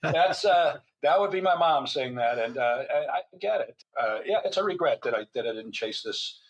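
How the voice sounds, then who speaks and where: A slightly high voice with lively intonation belongs to an older physician and author guesting on a casual podcast. At a moderate pace, he tells stories chattily, adding wry asides and restarting frequently.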